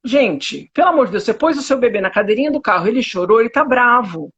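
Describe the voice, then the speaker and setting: A psychotherapist with a Brazilian accent, speaking emphatically with indignant rhetorical questions in a conversational interview. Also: female voice, on the high side, animated, fast, a bit bright, slight background noise. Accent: Brazilian Portuguese. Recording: dull lo-fi audio.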